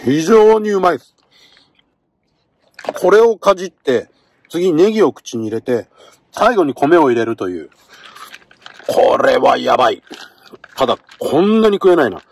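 A middle-aged man talking casually to the camera from inside a parked car, getting excited while he eats. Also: a little high, moderate pace, long pauses, a little hiss or hum. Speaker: vlogger. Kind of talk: casual car-camping vlog.

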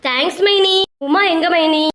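A woman's voice: very high voice, a little slow, fairly bright tone, roomy sound, voice pushed down. A woman doing a whiny young brother-in-law. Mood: pleading. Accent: Kanyakumari Tamil.

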